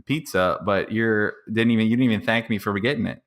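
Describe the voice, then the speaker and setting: A man's voice: fairly low pitch, fairly quick, fairly bright tone. A young man co-hosting a casual podcast, rambling with lots of restarts and easy laughter. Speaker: podcast co-host. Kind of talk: casual chat.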